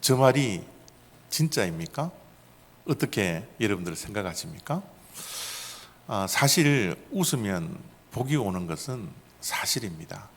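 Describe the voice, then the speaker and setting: Male pastor, sermon, lively swooping delivery, asks the congregation questions, long church-hall reverb. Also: on the low side, measured pace, slight background noise. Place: church sanctuary.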